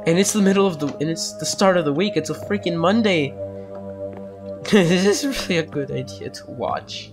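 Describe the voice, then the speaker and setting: A man's voice: high-pitched, lively intonation, moderate pace, over music. A man who is sick, giving casual, jokey let's-play commentary on a horror game and getting easily spooked. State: sick, coughing. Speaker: gameplay commentator.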